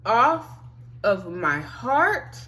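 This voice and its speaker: An earnest woman speaks slowly and directly to her listeners as a spiritual life coach, her voice sitting a little high with a bright, forceful edge. She is encouraging and heartfelt, sometimes sinking to a soft near whisper. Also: big pitch swings. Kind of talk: motivational monologue.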